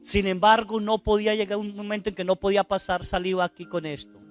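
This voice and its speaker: A priest preaching a sermon, retelling a testimony with dramatic, loud quoted lines and rhetorical questions to his listeners. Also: high voice, flat delivery, fast, faint music behind. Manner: dramatic, acts out quoted speech loudly, asks the congregation rhetorical questions.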